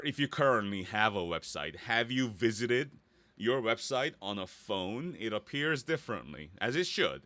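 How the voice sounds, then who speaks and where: Here a man from Korea or the United States, a voice actor, delivers a website tutorial in a bright, forceful, mid-range voice with no echo. He keeps it loose and playful, musing aloud and often asking if the listener is following.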